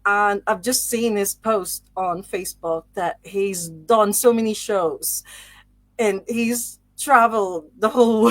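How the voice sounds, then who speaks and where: A woman's voice: medium pitch, no room sound. A woman hosting a podcast interview over a video call, effusive and laughing often. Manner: effusive, giggly. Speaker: podcast host. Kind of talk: casual interview.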